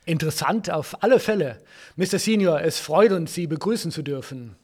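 A man playing a sly Victorian host in a scripted history podcast, smooth and teasing. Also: a little high, lively intonation, fairly quick. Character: sly Victorian host, man, posing as a ghostly old partner.

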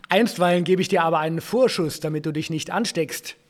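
A man playing a sly Victorian host in a scripted history podcast, smooth and teasing. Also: fairly high pitch, moderate pace, close to an everyday voice. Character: sly Victorian host, man, posing as a ghostly old partner.

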